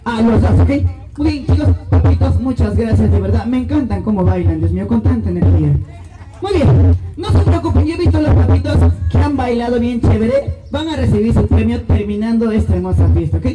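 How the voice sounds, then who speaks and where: A man hosting a school party, coaxing and playful with the children, shouting to rally them. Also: very high voice, animated, fairly quick, low-quality recording. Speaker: party host at a school event. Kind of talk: animated emcee patter with children. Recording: loud music and crowd behind.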